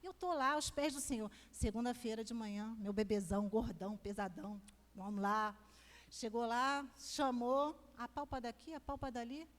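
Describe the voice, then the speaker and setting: A middle-aged Brazilian woman preaching a sermon at a women's congress, telling personal testimony with animated, emphatic storytelling. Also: on the high side, normal speed. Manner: animated storytelling, emphatic, acts out quoted voices. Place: church sanctuary. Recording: long reverb of a church hall.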